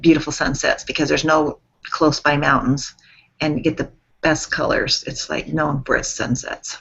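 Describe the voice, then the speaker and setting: Gravelly-voiced woman on a call. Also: low-pitched, level tone, normal speed, a bit bright. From Central Washington, USA. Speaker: discussion group member. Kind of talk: casual group discussion. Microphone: video call. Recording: dull lo-fi video call audio.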